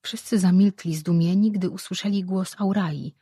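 A woman reading a fantasy audiobook aloud in a measured narration. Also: lowish voice, steady tone, mellow, breathy edge, dry recording, studio quality. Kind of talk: scripted narration.

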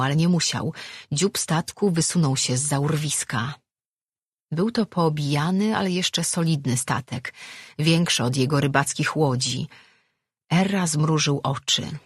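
A narrator reading a fantasy novel aloud in a steady storytelling manner. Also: medium pitch, slightly rough, no room sound, clean studio sound. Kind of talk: audiobook narration.

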